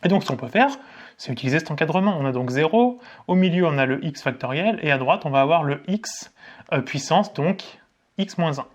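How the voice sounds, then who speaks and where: A man's voice: fairly high pitch, lively intonation, brisk. A man from France, a maths tutor, explaining a lesson at a board in a casual way, asking and answering his own questions as he goes. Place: indoors in front of a board.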